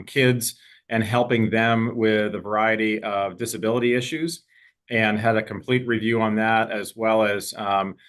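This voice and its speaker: A man serving as a state representative, giving a steady explanatory update in an interview over a video call. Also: fairly low pitch.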